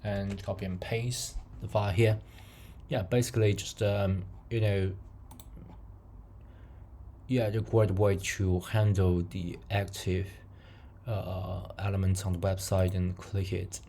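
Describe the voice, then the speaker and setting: A man who is not a native English speaker hosts a casual coding tutorial, speaking haltingly with lots of fillers and restarts and frequent chuckles. His voice sits low, level and warm, and there is a little hiss or hum on the recording.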